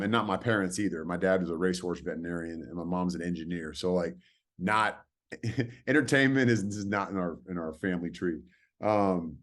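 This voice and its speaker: A man in his forties from California, a podcast guest telling stories in a rambling, casual way with hesitant restarts. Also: low voice. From California, USA. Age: 40s. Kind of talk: casual storytelling.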